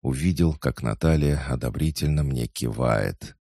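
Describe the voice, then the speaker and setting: A man narrating a first-person fantasy audiobook in a measured, steady storytelling manner. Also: extremely low pitch, gravelly, dry recording, studio quality.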